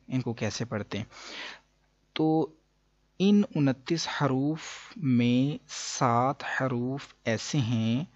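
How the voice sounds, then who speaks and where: A man's voice: medium pitch, no room sound, dull audio. A man teaching a beginner Quran reading lesson, patiently explaining and drawing out each letter sound. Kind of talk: step-by-step recitation lesson.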